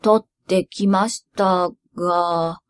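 A woman voicing a simple old village grandfather with slow, lowered, rustic speech. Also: fairly even intonation. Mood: earnest.

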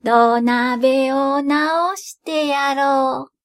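A woman voicing an old male poverty god who speaks slowly and softly in old-fashioned, rustic speech. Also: high voice, faint music behind, full character voice. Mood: kindly.

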